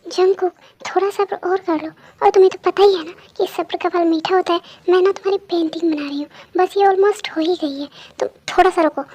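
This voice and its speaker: A woman's voice: extremely high pitch, fairly even intonation, fairly quick, darkish tone. A woman as a touchy, pouting young painter.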